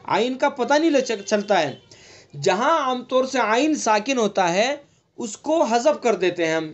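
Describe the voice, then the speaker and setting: A high-voiced man teaches recitation rules with patience, stretching words out slowly as he models them and often asking if his students follow. The audio is dull and lo-fi, like an online class recording. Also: expressive. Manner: explains rules slowly, drawing out recited words, checking "theek hai?". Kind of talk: tajweed lesson with recited examples.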